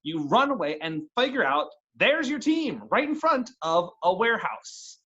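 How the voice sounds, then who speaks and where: A man's voice: high-pitched, big pitch swings, moderate pace, pushed and bright, dull audio. A man narrating as dungeon master in a casual, rambling way, often restarting his phrases. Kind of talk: narrating a tabletop game.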